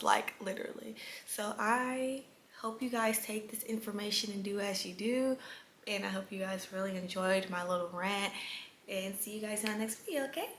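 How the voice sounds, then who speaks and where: A young woman in her late teens telling her story in a casual, chatty vlog, animated and prone to whispered asides. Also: medium pitch, slight background noise. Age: young adult. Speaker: vlogger. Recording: echoey room with faint ambience.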